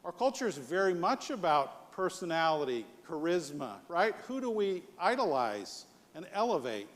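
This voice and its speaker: With a very animated delivery, an American man on the higher side speaks at normal speed during a live leadership session at a conference. Rhetorical questions punctuate his conversational style, and the room has long hall reverb.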